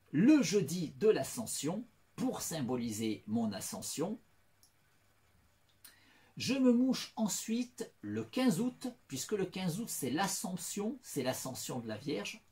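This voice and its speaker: A middle-aged, self-styled philosopher wanders through a personal monologue full of restarts, fillers and repeated phrases. His voice is mid-range with a darkish tone.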